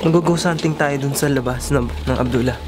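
A young Filipino man hosts a casual night challenge vlog, talking informally to his viewers. He speaks into a handheld camera held at arm's length, and loud music plays behind his voice. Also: medium pitch, fairly quick. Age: young adult. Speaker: vlogger, host. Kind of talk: casual night challenge vlog chat, mixing Tagalog and English. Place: large house at night, rooms and outdoors.

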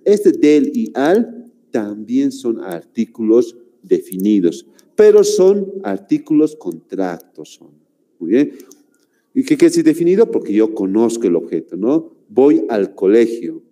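A male teacher speaks slowly and deliberately, his pitch rising and falling a lot as he walks the class through each example. His voice has a dark, mellow tone. The sound carries a long hall-like reverb. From Bolivia. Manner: slow, deliberate, repeats phrases, keeps asking "¿no?". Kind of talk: classroom grammar lesson.

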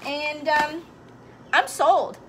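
A woman's voice: high voice, drawn-out words, background noise. A woman in her thirties vlogging casually into a phone camera at arm's length, chatty and upbeat with plenty of ums, first at home and then in her car. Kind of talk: casual vlog walkthrough.

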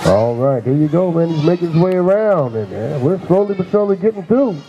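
A man announcing classes at a dog show, loudly chanting out the class names to the ring. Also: fairly high pitch, expressive, brisk, dull audio, a crowd in the background. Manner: loud, chanting calls of age classes. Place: large indoor show venue.

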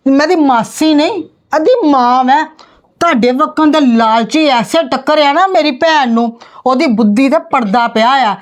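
A woman's voice: high voice, natural voice. A woman with a Punjabi accent playing a stern middle-aged aunt who scolds and threatens her niece's in-laws in a family drama. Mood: scolding. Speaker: bride's maternal aunt confronting in-laws. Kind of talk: amateur family drama acting.

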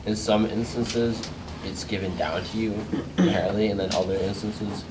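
Deep flat teenage boy, distant. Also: normal speed, heavy background noise. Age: teens. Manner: tentative, casual. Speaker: student participant. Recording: distant mic over a crowded room.

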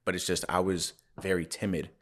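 Young man, somewhat low voice, quick pace, casual podcast chat, chatty. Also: little pitch movement, a bit bright. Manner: chatty, laughs often. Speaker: podcast co-host.

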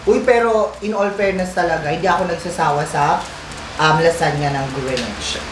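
A woman's voice: deep voice, a little fast, noisy background. A Filipino woman hosting a casual food review, chatty and giggly, laughing behind her hand as she talks. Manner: giggly, chatty, mixing Tagalog and English. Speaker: mukbang host. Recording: echoey room with background music.

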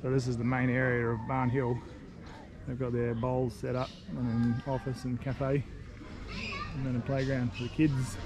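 A man's voice: medium pitch, moderate pace. A man in his thirties with an Australian accent, chatting casually to an action camera held at arm's length as he vlogs outdoors on an open beach. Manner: relaxed, easygoing, enthusiastic. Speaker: travel vlogger. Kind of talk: casual vlog narration. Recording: wind and surf noise outdoors. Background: crashing waves.

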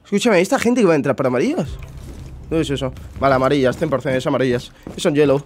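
A man's voice: medium pitch, quick pace. Young spanish guy gaming in his bedroom, spanish accent, voice jumps all over the place, swears a ton, faint hiss behind. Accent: Spain Spanish. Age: young adult. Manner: swings from muttering to excited shouting, swears a lot. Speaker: gamer streamer. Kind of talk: live gameplay commentary. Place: bedroom at home.

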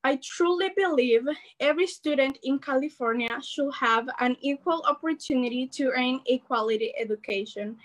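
A teenage girl from El Salvador, a student organizer giving an earnest, animated rally speech over a video call from her bedroom. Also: high-pitched, normal speed, few pauses, poor audio. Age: teens. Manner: earnest, animated, gestures while speaking. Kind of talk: prepared speech. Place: bedroom at home. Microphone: laptop webcam on a video call.

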